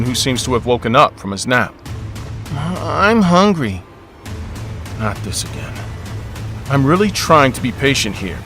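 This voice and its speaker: A man's voice: medium pitch, pushed and bright. Wry young man narrating a story. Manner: wry, exasperated, joking. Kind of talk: first-person story narration.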